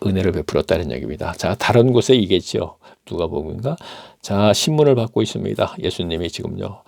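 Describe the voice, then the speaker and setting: A middle-aged man teaches from the Bible, reading verses aloud and breaking off to explain them in an easy, talking-to-you manner. His voice sits very low and dark, with a gravelly edge. The sound is dry and close. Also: no room sound. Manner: reads scripture aloud, then explains it in plain conversational asides.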